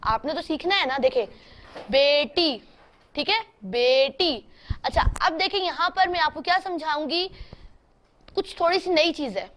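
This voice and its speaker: A woman's voice: very high voice, a little fast, fairly bright tone. A woman teaching an online handwriting class, patiently spelling out letters one by one and asking her students questions.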